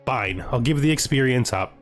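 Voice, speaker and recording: With music running in the background, the host of a gaming video series narrates a let's play, musing aloud and slipping in playful, mock-threatening remarks. He speaks at a medium pitch and normal speed, with lively intonation.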